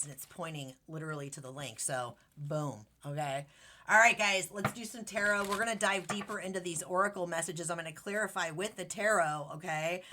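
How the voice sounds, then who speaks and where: A woman's voice: lowish voice, bright, forceful tone, slight background noise. A woman giving a casual tarot reading to her viewers, bubbly and chatty, with affectionate asides and lots of fillers. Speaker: tarot reader.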